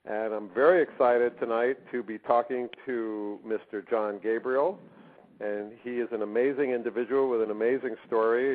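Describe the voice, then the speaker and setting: A man, a doctor and medical director, speaking on a radio interview with an enthusiastic, slightly halting manner. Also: mid-range voice. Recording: tinny phone-like radio audio.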